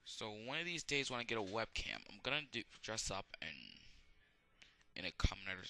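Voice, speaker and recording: Speaking in a low, animated, sharp-toned voice, a young man posts a casual amateur video review of a movie. It rambles and halts, packed with fillers and restarts, and he has a sore throat.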